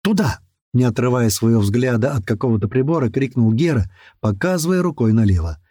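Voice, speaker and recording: A man doing lively first-person audiobook narration. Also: mid-range voice, brisk, no room sound, studio quality. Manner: lively and expressive.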